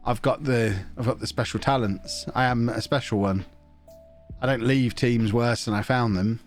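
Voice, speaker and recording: At a moderate pace and in a steady, mid-range tone, a slightly congested man talks casually over faint music. He's live streaming a football management game, joking, humming and reading viewer messages aloud.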